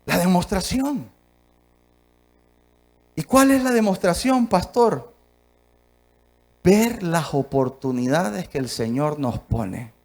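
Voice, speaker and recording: High-voiced emphatic male preacher. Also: animated, takes it slowly, pauses often. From Honduras. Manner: emphatic, rhetorical questions, shifts between soft and loud. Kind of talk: sermon.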